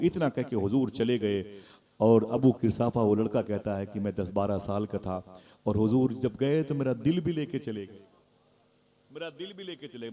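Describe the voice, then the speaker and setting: A man's voice: mid-range voice, mellow. A man, a preacher, tells a story in a sermon with emotion, recites couplets and calls on his listeners. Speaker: Islamic preacher.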